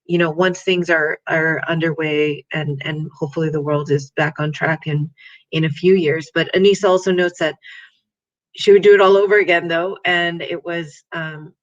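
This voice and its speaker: A man's voice: a little high, fairly even intonation, moderate pace, a bit bright. A man moderating a panel discussion, rambling with many fillers. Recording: dull lo-fi audio.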